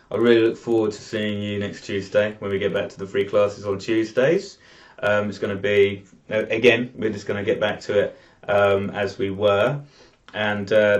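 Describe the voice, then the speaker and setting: A man hosting a live online drawing class, talking in a relaxed, rambling way with many fillers, over dull video call audio. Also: on the low side. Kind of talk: casual live class introduction.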